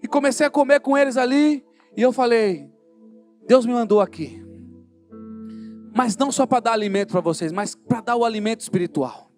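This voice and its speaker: A fervent Brazilian man preaching his own testimony from the pulpit, his voice sitting very high. He tells the story vividly and acts out the dialogue. Soft instrumental music plays faintly behind him. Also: normal speed, pauses often. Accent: Brazilian Portuguese. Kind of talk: sermon testimony. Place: church service in a hall.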